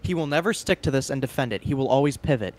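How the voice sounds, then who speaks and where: Crude, excitable young man streaming. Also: medium pitch, quick pace. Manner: crude, excitable, cuts in with loud outbursts. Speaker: stream host. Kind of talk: casual stream commentary, reading a statement aloud.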